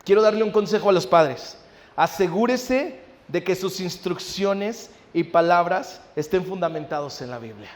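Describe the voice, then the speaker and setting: A man's voice: high voice, lively intonation, moderate pace. A male pastor, preaching a sermon, often checking in with listeners and acting out family conversations. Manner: acts out family dialogue in anecdotes. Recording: long hall reverb.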